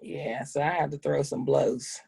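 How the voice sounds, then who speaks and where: A woman and single mother talking in casual chat, telling animated stories with laughs. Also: very deep voice, unhurried, creaky, husky.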